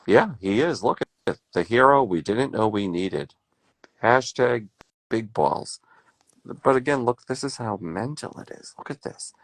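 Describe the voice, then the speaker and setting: A man's voice: medium pitch, lively intonation, measured pace, creaky, dry recording, low-quality recording. A man co-hosting a casual chat, with wry, sarcastic asides.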